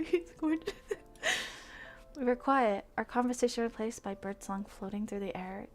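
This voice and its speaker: Over game music, a woman livestreams visual novels in a mid-range voice. She moves between excitable, gushing reactions and expressive narration as she reads aloud.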